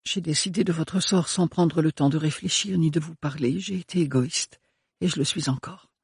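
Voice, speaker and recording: A man voicing a timid, earnest young woman who speaks in a hesitant murmur, with a husky voice. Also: on the high side, steady tone, moderate pace, dry recording, studio quality, pitched above the performer's own voice, exaggerated voice. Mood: contrite.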